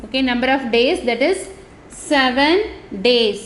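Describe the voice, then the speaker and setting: A woman with a Tamil accent teaches young children, switching between Tamil and English and spelling words out letter by letter. Her voice is high-pitched, very slow, and a bit bright. The recording has an echoey room and faint noise.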